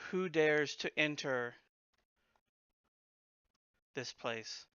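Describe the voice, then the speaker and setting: A man plays an angry guardian of a dungeon in a tabletop game. The voice is a booming, theatrical bellow, drawn out and forceful as it challenges intruders. The sound is dry, if a little dull. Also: very slow, clean tone, dry recording, exaggerated voice. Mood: menacing challenge.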